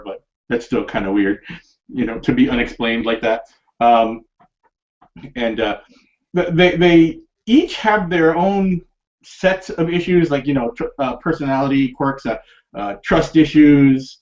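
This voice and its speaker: A man with a somewhat raised pitch chats loosely about a film on a podcast. He rambles through fillers and restarts, and the recording sounds muffled and lo-fi. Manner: rambling, many fillers and restarts, laughs often. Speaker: podcast host. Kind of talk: casual film discussion.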